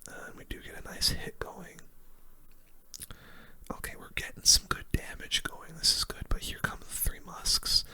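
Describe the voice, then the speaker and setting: Close to the mic, a gaming host whispers in a breathy, hushed voice at normal speed. It's casual ASMR commentary as he thinks aloud through his play.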